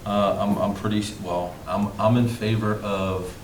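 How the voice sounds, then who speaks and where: A man chairing a municipal council meeting, calling for motions and votes in a brisk, procedural way. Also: lowish voice, fairly even intonation. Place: council board room. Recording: echoey room, far mic, noisy.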